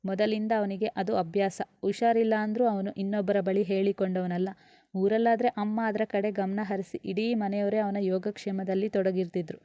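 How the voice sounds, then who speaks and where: A woman narrates a serialized story in a steady, expressive reading. Her voice is mellow and warm, close and dry, with a slightly dull, muffled top end to the recording. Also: mid-range voice, normal speed, dry recording.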